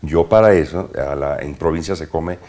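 A man with a Mexican accent and an extremely deep, low-pitched voice speaks as a guest in a relaxed interview. He is an actor who recounts his past in lively anecdotes, peppering them with slang and punchy sound words. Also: normal speed, a crowd in the background. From Mexico, Veracruz. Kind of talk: casual interview storytelling.

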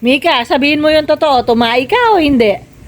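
A woman's voice: high-pitched, expressive, normal speed, low-quality recording. An older woman vlogging at home, nagging and scolding a younger relative in casual talk. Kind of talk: casual family vlog, scolding.

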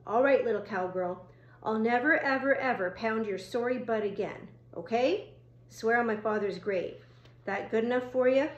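A woman reading an audiobook, voicing a dim, greedy teenage bully with a gruff, swaggering, patronizing manner. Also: on the high side, moderate pace, muffled recording, lightly acted. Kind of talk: audiobook character voice. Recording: roomy echo.

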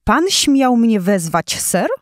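A woman's voice: medium pitch, animated, measured pace, a little mellow, dry recording, close to an everyday voice. Brief: pompous male lion king, scornful and blustering, read by a woman, dry close sound. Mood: haughty. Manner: scornful, blustering, later awkward and hesitant.

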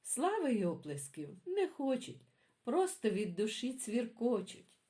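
Бібліотекарка виразно читає дитячі віршики та розповідає про авторку. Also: female voice, on the high side, measured pace, over loud music. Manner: expressive, storytelling. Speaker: librarian. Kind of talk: reading children's poems aloud.

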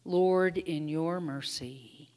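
Slow woman pastor in cathedral echo. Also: low voice, mellow. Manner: slow, measured liturgical delivery. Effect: cathedral-like church echo. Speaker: pastor leading worship. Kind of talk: liturgical prayer leading. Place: church sanctuary. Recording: long church-hall reverb.

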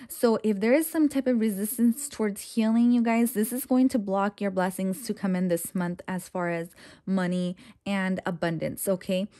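A young woman reads tarot cards in a casual, chatty way, talking straight to her viewers. She keeps things reassuring and loose, with plenty of fillers along the way. Her voice is warm and mellow at an ordinary middle pitch. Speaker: tarot reader. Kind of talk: casual tarot reading to camera.

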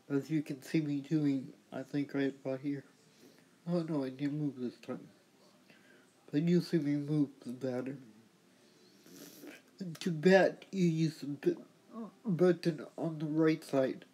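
A middle-aged man with a husky voice hosting a gameplay demonstration, explaining simply and deliberately. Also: fairly high pitch, dark tone. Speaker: host showing a mobile game.

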